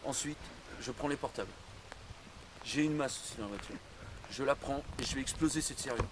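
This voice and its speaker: A man's voice: mid-range voice, fairly quick, noisy background, lightly acted. A man playing a practical young cameraman who lays out a plan in a determined way.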